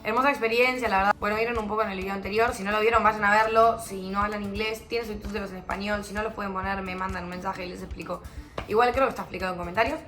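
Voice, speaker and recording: A woman's voice: medium pitch, fairly even intonation, fast talker, fairly bright tone. A young woman from Argentina with a Rioplatense accent, chatting casually and self-mockingly to camera in a home vlog. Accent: Rioplatense Argentine Spanish. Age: young adult. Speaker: vlogger. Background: music.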